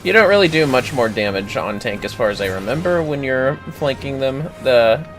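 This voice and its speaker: Over background music, a male gaming livestreamer casually walks through his tactics step by step, swearing freely as he goes. His voice is mid-range with lively intonation and a normal speed, though the recording is rough.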